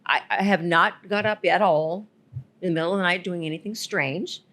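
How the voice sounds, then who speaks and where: A woman's voice: lowish voice, normal speed, a bit bright. A woman co-hosting a podcast, telling a rambling story in a casual, giggly way. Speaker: podcast co-host.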